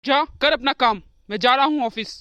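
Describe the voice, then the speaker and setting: A woman's voice: high voice, moderate pace, a bit bright, dry recording. A woman voicing a grumbling young husband in a cartoon, who scolds his wife with exasperation. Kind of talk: cartoon voice acting.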